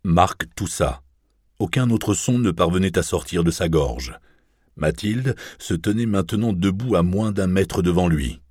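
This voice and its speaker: A man narrating a novel in a measured, even audiobook reading. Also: sits low, husky, dry recording, clean studio sound.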